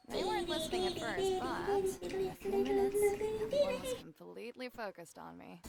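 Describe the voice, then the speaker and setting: An actress voicing a composed, proud adult female violinist in game dialogue, telling her story with measured, dry disdain. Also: very high voice, very animated, creaky, over a noisy crowd, exaggerated voice. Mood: wry. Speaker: violinist character.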